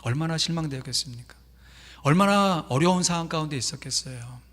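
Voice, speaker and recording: Pastor, man, animated sermon storyteller, slightly high voice, long church reverb. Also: quick pace. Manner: animated storytelling with sudden emphatic rises. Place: church sanctuary.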